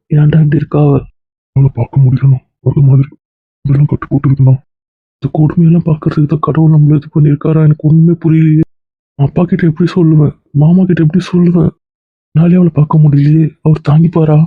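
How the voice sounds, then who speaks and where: Man voicing a frantic father, fast husky pleading, flat tone, tinny phone-like sound. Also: on the high side, dry recording. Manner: desperate rapid pleading. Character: distraught middle-aged father begging to see his daughter. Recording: husky voice on phone-like dry recording.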